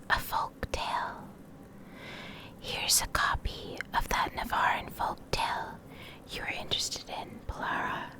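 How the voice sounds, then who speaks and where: An ASMR video creator reads game lore in a soft, breathy whisper, close up on a Blue Yeti desktop microphone. She goes slowly and deliberately, pausing between short phrases, and the recording is rough.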